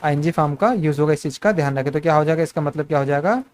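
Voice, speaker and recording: A man with a fairly high voice teaches spoken English, explaining each sentence in Hindi. He keeps asking what a line will become and calls his viewers friends as he steps through examples. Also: rapid-fire. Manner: repetitive questioning, addresses viewers as friends.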